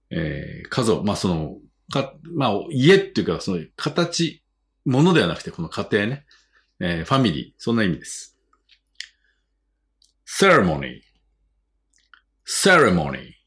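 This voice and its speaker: A man with a Japanese accent teaching an English vocabulary lesson. He reads each word twice, then explains it slowly. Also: lowish voice.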